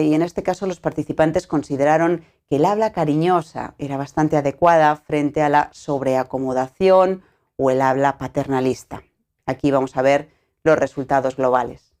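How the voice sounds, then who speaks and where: A woman giving an academic conference presentation, explaining results in a measured way with frequent filler words. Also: sits low, a little mellow.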